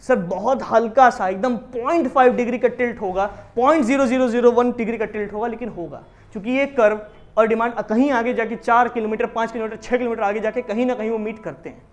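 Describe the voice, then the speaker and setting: A man teaching a commerce class, explaining with lively questions to his students. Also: very high voice, fast. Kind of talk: classroom lecture in Hindi with English terms.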